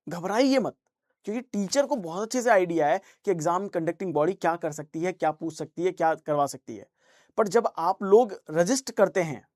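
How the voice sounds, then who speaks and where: A man's voice: high-pitched, a little mellow, no echo, clean studio sound. A man teaching an online reasoning class, answering students' chat questions in a reassuring, coaxing way and slipping English phrases into his talk.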